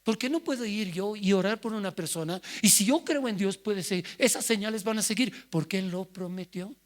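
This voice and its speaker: Male pastor preaching, goes quiet then suddenly loud, acts out the people he quotes. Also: high voice, fairly quick. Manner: swings from soft asides to loud shouted quotes. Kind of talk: sermon.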